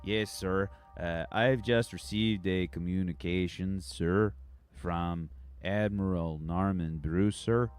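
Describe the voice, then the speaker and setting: Junior starship crewman for a tabletop game, played by a man: deferential, halting, low and unhurried. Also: steady tone, smooth, soft background music. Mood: dutiful.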